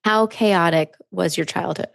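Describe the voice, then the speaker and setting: A woman with a low, gravelly voice runs a coaching session. She explains things calmly and patiently, going step by step and returning to her key phrases. Her voice sits close and dry on the mic. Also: unhurried, no echo. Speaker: life coach.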